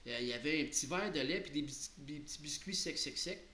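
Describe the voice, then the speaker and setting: Animated Québécois storyteller, male, slightly high voice, roomy echo. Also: brisk, slight background noise. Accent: Québécois French. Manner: lively, colloquial, playful. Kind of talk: casual oral storytelling.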